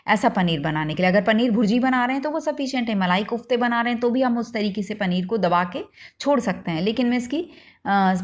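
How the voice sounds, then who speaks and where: A woman hosting a home cooking demonstration, explaining each step to viewers in a homely, instructive way. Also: mid-range voice. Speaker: cooking channel host.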